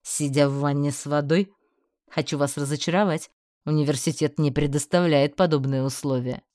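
A woman's voice: low voice, fairly even intonation, normal speed, a little mellow, no room sound, clean studio sound, close to an everyday voice. A woman voicing a cold, sarcastic male university professor who speaks in an icy, cutting, mocking tone. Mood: icy sarcasm.

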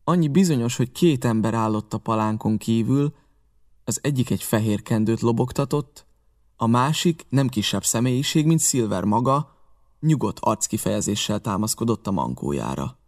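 A man narrates a novel in a measured, steady reading voice of ordinary pitch. The delivery is plain and even, suited to an audiobook.

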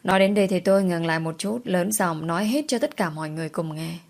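Low-voiced woman telling a story. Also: quick pace, vocal fry. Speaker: story narrator. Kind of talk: storytelling narration.

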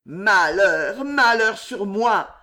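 Male narrator doing a crushed young officer, slow heavy despair, fairly high voice. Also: animated, bright, forceful tone, full character voice.

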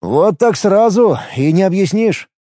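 A man's voice: high-pitched, lively intonation, measured pace, warm tone, no room sound, studio quality, voice pushed up. A man voicing a grumbling, wry man. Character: wry grumbling male violinist.

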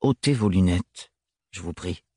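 A severe, cold man, as a male narrator puts him on, speaks in a low, curt monotone with a husky edge. The reading is close and dry, as in an audiobook. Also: measured pace, no echo.

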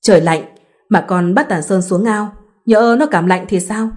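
A fussing older village mother from a read-aloud story, quick to scold, as a woman reader puts her on. The pitch sits in a middle register for a woman. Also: a little mellow, lightly acted.

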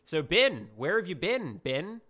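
Bright-voiced teasing podcast host, male. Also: on the high side, very animated, measured pace. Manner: teasing, leading the conversation. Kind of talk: casual podcast chat.

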